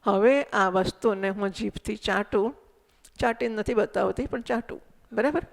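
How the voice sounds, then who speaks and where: A woman's voice: mid-range voice, moderate pace, creaky. A woman giving a spiritual discourse, explaining patiently and putting questions to her listeners. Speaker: spiritual teacher. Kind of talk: Vedanta discourse. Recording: echoey hall recording.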